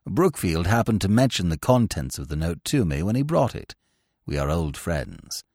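A man voicing a deferential, unflappable valet who speaks in a formal, measured, low and soft way. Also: big pitch swings, slightly rough, dry recording, clean studio sound, heavily acted. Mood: composed, formal. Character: deferential, unflappable male valet, middle-aged.

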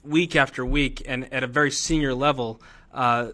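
A man's voice: medium pitch, fairly even intonation, normal speed, sharp tone. A man hosting an interview, conversational as he leads into his questions. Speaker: host. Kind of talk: radio interview.

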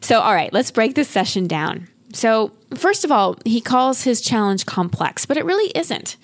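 On her coaching podcast, a woman with a voice on the higher side explains life coaching ideas with lots of animation at a normal speed. She comes across as encouraging and instructive.

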